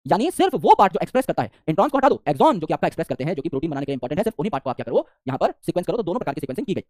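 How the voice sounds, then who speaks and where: A man's voice: sits high, a little mellow, no echo, clean studio sound. A man giving a biology revision lecture, explaining at speed and asking rhetorical questions as he goes. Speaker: biology teacher.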